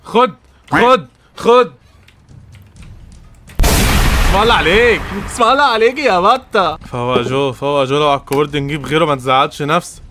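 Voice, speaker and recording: A man's voice: on the high side, animated, quick pace, sharp tone, a little hiss or hum. A young man with an Egyptian Arabic accent, a gaming streamer giving frustrated, trash-talking commentary over gameplay. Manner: frustrated, trash-talking, swears and mocks the opponent.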